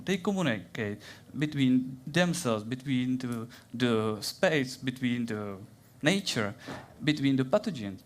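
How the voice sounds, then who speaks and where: A young man with a Czech accent giving a playful, theatrical science talk in a plant's voice, then answering questions in halting English. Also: mid-range voice. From Czech Republic. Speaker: science communication contestant.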